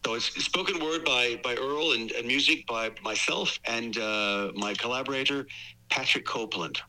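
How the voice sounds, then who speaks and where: A man, a guitarist being interviewed, who explains technical details thoughtfully with pauses. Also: mid-range voice, pushed and bright, low-quality recording. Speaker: guitarist and guest. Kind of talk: casual interview chat.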